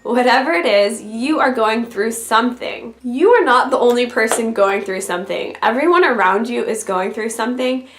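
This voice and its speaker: Her voice hoarse from being sick, a woman with a fairly high pitch talks at normal speed with few pauses, her sound echoing around the room. Speaking straight to her viewers, she gives upbeat, somewhat scripted-sounding faith encouragement in her vlog.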